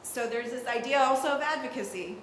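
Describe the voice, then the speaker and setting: A young woman audience member speaks in a high, fairly bright voice at a fairly quick pace, rambling and hedging through a long comment. She's in a large hall at a public event, with echo and faint room noise.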